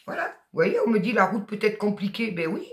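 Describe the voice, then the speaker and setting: A tarot card reader with a Southern French accent gives a spoken guidance reading. The delivery is emphatic, chatty and encouraging, with blunt asides. The voice sits at a middle pitch and rings in an echoey room. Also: fairly quick, fairly bright tone.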